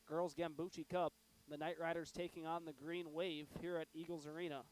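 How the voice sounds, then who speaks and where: A man with a sore throat announcing live from an arena broadcast booth, talking in a monotone. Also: fairly high pitch, brisk, rough recording. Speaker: play-by-play announcer.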